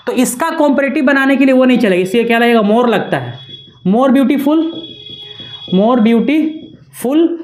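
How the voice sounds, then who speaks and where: Woman teaching grammar, higher voice. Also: darkish tone. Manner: spells words letter by letter, repeats with "है ना". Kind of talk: classroom-style grammar lesson.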